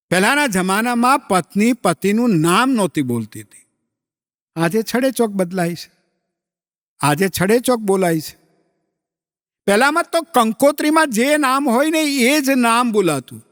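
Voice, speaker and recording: A man comedian telling jokes and acting out characters on a live stage. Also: sits high. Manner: animated storyteller acting out characters' calls. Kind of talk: live stand-up joke telling. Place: live stage before an audience. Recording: echoey live stage hall.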